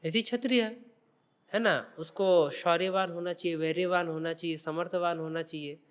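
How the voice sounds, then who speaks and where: As a religious guest on a podcast interview, a man explains spiritual teachings in an emphatic, preaching way. His voice is on the high side with a clean tone, fairly even intonation and normal speed.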